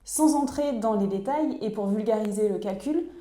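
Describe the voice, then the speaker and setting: A woman reading a scripted voice-over explainer in a clear, measured, instructive way. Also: mid-range voice, dark tone, roomy sound. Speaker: narrator of a tax explainer video.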